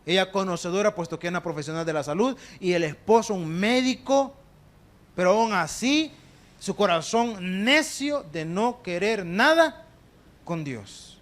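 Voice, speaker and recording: A Salvadoran pastor preaching to his congregation, his voice pitched high. He tells stories and acts out the people in them, dropping to a hush and then rising loud, and he keeps calling his listeners brothers. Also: lively intonation, unhurried. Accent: Salvadoran Spanish. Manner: storytelling with acted quotes, dramatic swings between hushed and loud. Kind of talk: sermon.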